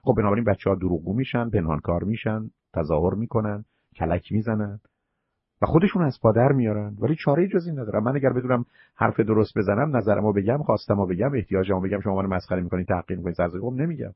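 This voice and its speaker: A man with a very low, husky voice lectures emphatically as a call-in advice host. The sound is dry and close, with a dull, lo-fi radio quality. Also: no room sound. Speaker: radio psychology show host.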